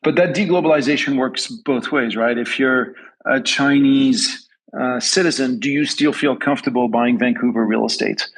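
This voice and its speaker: A French investment strategist, a man with a slight French accent, answers interview questions thoughtfully, frequently repeating words as he thinks aloud. His voice is medium-pitched at a moderate pace, and the recording is rough.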